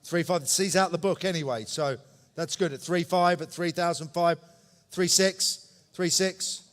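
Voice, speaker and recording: A man works as a live auctioneer, his voice a little higher than average. He repeats numbers in short, brisk phrases and adds polite asides to the bidders. The sound carries a long reverb from a large indoor hall. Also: fairly even intonation. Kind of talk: live auction calling, running bid commentary.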